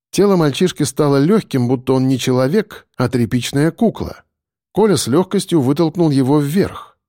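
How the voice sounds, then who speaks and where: A man narrating an audiobook in a steady storytelling manner. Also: a little high, no room sound, studio quality. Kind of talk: scripted narration.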